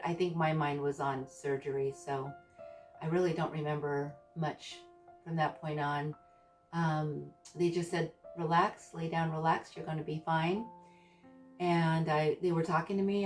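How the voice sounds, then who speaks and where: A woman with a low-pitched voice shares a personal story in a casual vlog style. She speaks haltingly, often pausing to find the right word. She sounds some distance from the microphone, with faint guitar music behind her. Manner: halting, hesitant, searching for words. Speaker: vlogger recounting own surgery experience. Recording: distant mic with background music.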